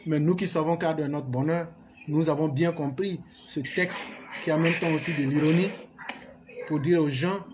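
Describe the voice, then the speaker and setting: A man courteously hosting a live call-in show. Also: fairly high pitch. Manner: courteous, frequent listening murmurs. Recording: clearly noisy background.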